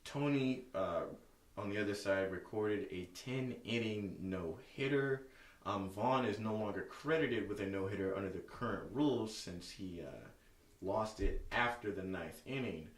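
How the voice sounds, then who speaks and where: A man's voice: fairly low pitch, measured pace. A man co-hosting a casual sports podcast, rambling with lots of fillers as he reads stats aloud. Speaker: podcast co-host. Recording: echoey room, distant from mic.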